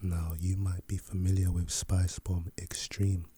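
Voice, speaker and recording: A low-pitched man speaks softly and breathily as a laid-back, chatty scent salesman in an ASMR role-play, his casual patter unhurried. His delivery is flat, with a little hiss or hum in the recording.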